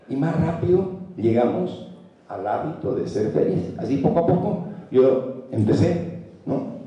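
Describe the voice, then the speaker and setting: A man gives a lively motivational talk, his voice deep and mellow in tone. He repeats key words and acts out little scenes for his listeners. The sound is distant, caught from across a big echoing hall. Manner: animated, acts out examples and repeats for emphasis. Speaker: motivational speaker. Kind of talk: motivational talk to a university audience. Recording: echoey hall, speaker far from mic.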